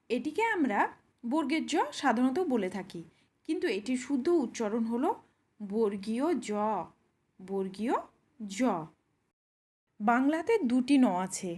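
A woman with a fairly high voice that rises and falls a lot teaches pronunciation. She explains each sound patiently and demonstrates it slowly. She speaks straight to the learner, as if sitting beside them. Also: a little mellow.

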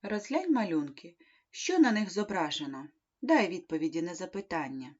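A woman reading a primary school lesson aloud, slowly and clearly, as a teacher. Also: fairly low pitch, big pitch swings, darkish tone. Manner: slow, clear instructional reading. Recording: dull lo-fi recording.

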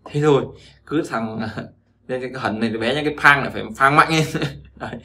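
A man's voice: medium pitch, moderate pace, bright, forceful tone, slight background noise. A man teaching Chinese pronunciation, repeating words after a recording and explaining them. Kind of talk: pronunciation lesson.

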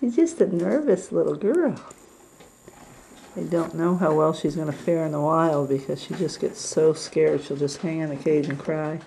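Woman, low mellow voice, chatty and gentle, squirrel rehabber, handheld camera sound, faint hiss. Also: moderate pace, gravelly, poor audio. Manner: gentle, chatty, coos at animals. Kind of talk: casual video tour. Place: indoor rehab room with cages.

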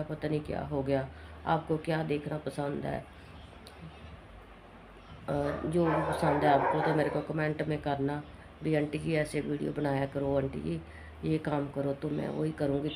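A middle-aged woman talks through her day for a home vlog, rambling and matter-of-fact. Her throat is hoarse from a lingering cough, and her voice is gravelly, mellow and flat. Faint background noise sits under the recording. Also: low-pitched. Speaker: vlogger. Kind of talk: casual home vlog chat.

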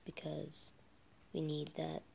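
A man's voice: on the high side, completely flat delivery, takes it slowly, gravelly, a little mellow, slight background noise. A male gameplay vlogger chatting casually while he builds, often muttering and half-whispering as he counts blocks under his breath, with rambling asides.

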